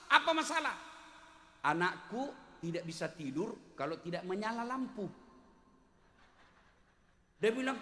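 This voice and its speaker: Man, joking preacher, sings mid-sermon; high, bright voice, echoey PA sound. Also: slight background noise. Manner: jokey storytelling, bursts into song and acts out quotes. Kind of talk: humorous sermon at a public gathering. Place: large outdoor religious gathering. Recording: echoey PA in a big venue.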